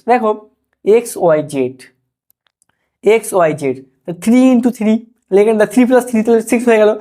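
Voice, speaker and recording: A woman's voice: on the high side, darkish tone. A woman teacher, giving an exam-prep literature lecture in a repetitive, explanatory way. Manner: repetitive, explanatory, keeps saying "look".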